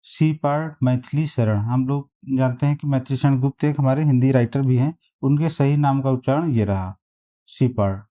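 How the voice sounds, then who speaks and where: A man teaching a spelling lesson, reading out quiz options and repeating each word slowly to compare them. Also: mid-range voice, mellow. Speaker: exam prep teacher.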